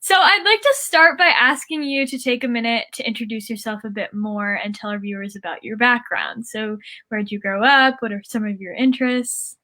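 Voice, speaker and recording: Bright-voiced young woman hosting an interview. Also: a little high, normal speed, hardly any pauses. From United States. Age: young adult. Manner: chatty, upbeat, with frequent fillers and laughs. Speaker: interview host. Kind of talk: casual interview.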